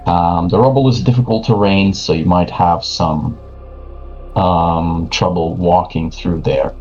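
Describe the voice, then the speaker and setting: Man, game master, deep low voice, reads scenes with ums, faint music behind. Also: fairly even intonation, measured pace, darkish tone, dull audio. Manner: reads scene descriptions with fillers. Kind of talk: tabletop game narration.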